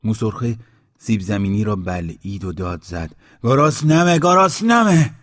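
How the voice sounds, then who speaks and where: A man narrating a storybook in a steady, measured reading voice. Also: low voice, no echo, studio quality.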